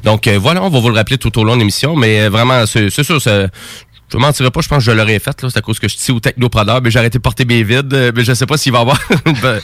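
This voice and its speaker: A man's voice: mid-range voice, very fast, fairly bright tone, no echo, clean studio sound. A man with a Quebec French accent co-hosting a casual radio talk show, explaining at length with many fillers. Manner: rambling, explanatory, heavy with fillers. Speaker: radio co-host. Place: radio studio.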